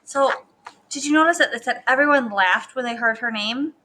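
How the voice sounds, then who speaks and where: A young woman reading a story aloud to children, stopping to ask them gentle questions. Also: fairly high pitch, moderate pace. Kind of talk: read-aloud lesson for children.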